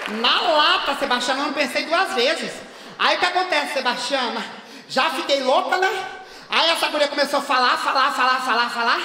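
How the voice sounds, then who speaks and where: Man doing a high-voiced indignant gossipy woman, loud and dramatic, stand-up comedy character, echoey distant stage sound. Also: brisk, a faint crowd, exaggerated voice. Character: brash indignant woman caring for her hospitalized father. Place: theater stage at a live show. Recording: echoey hall, from far off.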